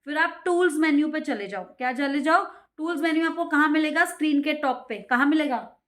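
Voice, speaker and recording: A woman with a high voice tutors a child at home. She reads the English steps slowly and carefully, then explains them in Hindi. She keeps drilling the child by asking the same questions over and over. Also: fairly bright tone.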